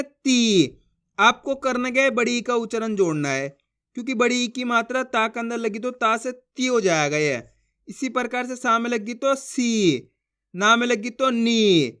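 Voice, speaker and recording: A man teaching beginners to read Hindi, sounding out syllables slowly and asking listeners to read along with him. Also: very high-pitched, pushed and bright, clean tone. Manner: drawn-out syllables when sounding out words. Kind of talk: spoken lesson for beginners.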